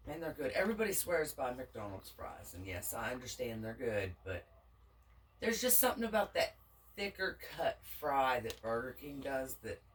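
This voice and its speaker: A woman with a Southern US accent chatting casually with her husband while eating on camera, folksy and quick to laugh. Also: low-pitched, distant mic, poor audio. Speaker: vlogger, mukbang co-host.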